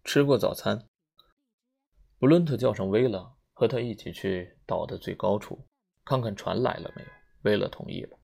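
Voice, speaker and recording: A man reading an audiobook in a steady, measured way. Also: on the low side, gravelly, husky. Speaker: audiobook narrator.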